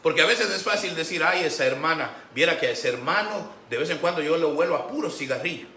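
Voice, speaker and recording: A man preaching a Sunday sermon as pastor, animated, acting out the voices he quotes. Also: fairly high pitch, quick pace. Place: church sanctuary. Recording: echoey church room with faint background noise.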